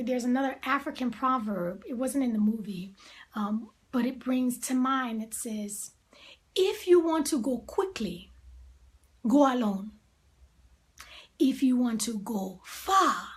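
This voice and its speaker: A woman whose voice runs somewhat high speaks reflectively to motivate, emphatic and unhurried, with extended pauses and soft side comments.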